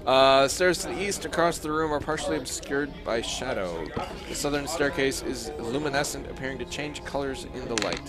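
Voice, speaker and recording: Male game master, tabletop narration, mid-pitched, self-correcting, music underneath. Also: moderate pace.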